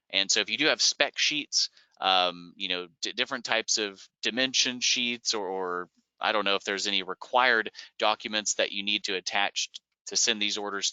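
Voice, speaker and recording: Bright, crisp-voiced man explaining software. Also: on the low side, dry recording, low-quality recording. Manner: relaxed and explanatory, frequent "uh" and "um" fillers. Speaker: software company staff presenting product updates. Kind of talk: webinar screen-share walkthrough.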